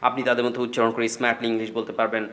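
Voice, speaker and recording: A man's voice: mid-range voice, completely flat delivery, rapid-fire, fairly bright tone. A man teaching a spoken English lesson, explaining patiently and repeating words as drills.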